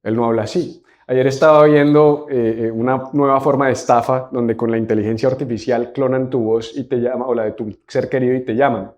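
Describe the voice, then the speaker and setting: A man's voice: medium pitch, steady tone, a little fast, few pauses, a little mellow. A man preaching a sermon as a pastor, emphatic, with rhetorical questions and call-and-response with the congregation. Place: church service.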